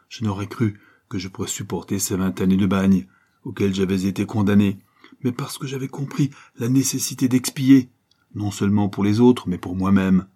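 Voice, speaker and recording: A man's voice: on the low side, warm tone, breathy edge. A man voicing a stern, wrathful older former convict who accuses in a thundering way, read as an audiobook. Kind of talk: audiobook reading.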